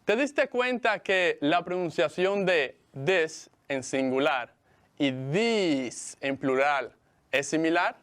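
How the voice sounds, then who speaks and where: A man teaching English in Spanish, speaking slowly and clearly with a Mexican Spanish accent and repeating each word for his students. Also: on the high side, fairly bright tone. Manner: slow, carefully enunciated, repeats words for students. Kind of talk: bilingual televised English lesson.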